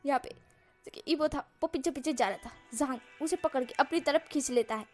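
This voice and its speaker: A woman's voice: sits high, a little fast, a little mellow, soft background music. A woman reading a fan fiction story aloud informally, with restarts and self-corrections.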